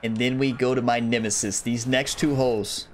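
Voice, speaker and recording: A gaming YouTuber, his voice a little worn from slightly losing it, chats to viewers during casual let's-play commentary. He speaks in a steady, mid-range voice at normal speed.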